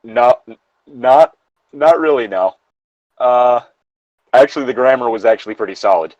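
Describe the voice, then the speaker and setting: A man with a medium-pitched, slightly mellow voice speaks at a moderate pace on a dry, lo-fi recording. As a co-host reacting to fan fiction and its reviews, he offers incredulous, opinionated remarks in a casual, hesitant way, sometimes reading passages aloud.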